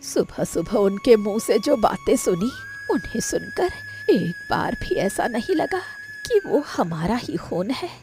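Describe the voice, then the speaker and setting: In this Hindi moral cartoon story dialogue, a woman voices an older, anxious and sorrowful village mother, lamenting plaintively in a hurt tone. Her medium-pitched voice is sing-song and unhurried, with hardly any pauses, and music plays behind her.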